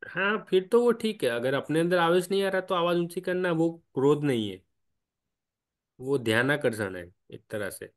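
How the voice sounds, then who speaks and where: A man's voice: fairly high pitch, animated, normal speed. A man guiding a spiritual study group online, explaining patiently step by step and asking questions as he goes. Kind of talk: spiritual discussion. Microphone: online call.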